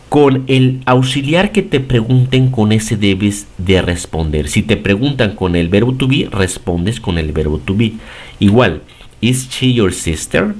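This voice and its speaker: A man giving a recorded English grammar lesson in Spanish, explaining step by step and checking in with "ok?". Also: on the low side. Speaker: English teacher.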